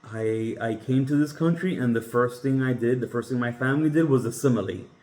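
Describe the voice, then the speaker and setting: A man's voice: medium pitch, fairly quick, a little mellow. A man from Cuba hosting a podcast, giving his opinions in a casual, emphatic monologue that often halts and restarts. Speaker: podcast host. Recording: roomy echoey room sound.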